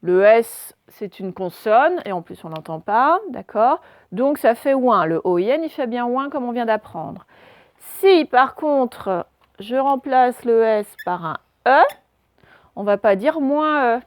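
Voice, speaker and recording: Woman, teacher, phonics lesson, spells letters slowly, dry close sound. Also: a little high, lively intonation, a little mellow, dry recording.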